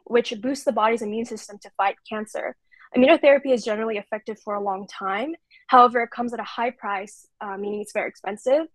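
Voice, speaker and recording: Twenties woman presenting on a call, steady scripted read, slightly high voice. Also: no echo. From California. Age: 20s. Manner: clear, steady reading of prepared notes. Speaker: intern presenter. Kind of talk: presenting slides on a video call. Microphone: video call.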